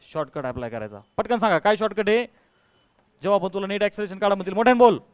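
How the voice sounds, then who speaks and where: A man teaching physics to a class, coaxing his students to answer louder and quizzing them step by step. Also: sits high, animated, racing, smooth, no echo. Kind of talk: classroom lecture.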